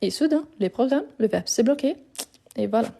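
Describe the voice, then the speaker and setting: A woman's voice: on the high side, lively intonation, normal speed, gravelly, mellow. A woman teaching a live grammar lesson over her phone, explaining patiently, repeating words and correcting herself as she goes. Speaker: French teacher.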